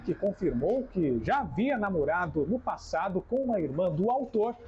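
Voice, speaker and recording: A young Brazilian man reads a scripted news report in a high voice. The recording is dull, with clear noise behind him. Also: warm tone. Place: room beside a window with blinds. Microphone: lapel mic.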